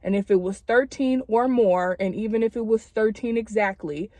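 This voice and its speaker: A woman's voice: medium pitch, normal speed, dark tone, no room sound. A woman chatting casually to camera in informal slang, her speech slightly impeded because she is wearing retainers. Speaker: video creator addressing subscribers.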